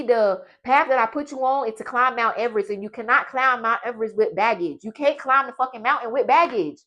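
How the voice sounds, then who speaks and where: A young woman in her late twenties delivers a preachy, profane motivational talk straight to her viewers. Her voice sits a little high for a woman, and her manner is blunt and forceful. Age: 20s. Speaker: vlogger.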